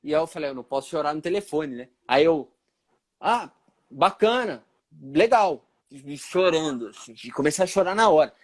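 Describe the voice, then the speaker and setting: Man, Paulista accent, high voice, casual live-chat storytelling, animated, acts out quoted lines. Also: quick pace, few pauses. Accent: Paulista Portuguese. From São Paulo state, Brazil. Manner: animated, acts out quoted dialogue with pitch jumps. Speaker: percussionist guest.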